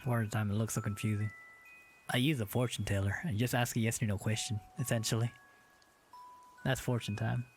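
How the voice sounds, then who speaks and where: A man's voice: lowish voice, level tone, fairly quick, long pauses, soft background music. A young man streaming, chatting casually while drilling Japanese words, playfully putting on a Southern drawl. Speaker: variety streamer. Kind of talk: casual livestream chat while studying Japanese. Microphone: streaming microphone.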